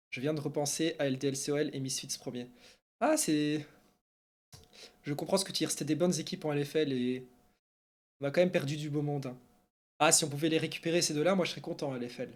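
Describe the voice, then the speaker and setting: A man's voice: fairly high pitch, brisk, pauses often. A man, streaming esports news and answering viewers in casual, rambling chat full of fillers. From Belgium. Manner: chatty and animated, rambling with many fillers.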